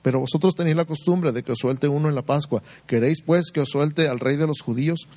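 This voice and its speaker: A man's voice: on the high side, fast, mellow, close to an everyday voice. A man voicing Pilate, an uneasy Roman governor, who questions and pleads with a crowd. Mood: pleading.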